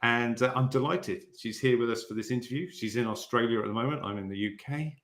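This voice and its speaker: A man's voice: medium pitch, brisk, a bit bright. Eager male host in an echoey room. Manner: enthusiastic, with some stumbles. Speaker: interview host, conference chair. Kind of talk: interview hosting.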